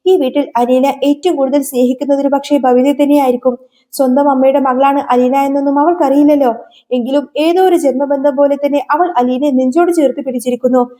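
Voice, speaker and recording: A woman's voice: sits high, steady tone, brisk, mellow. A woman narrating a serial episode as a dramatic, emotional story retelling.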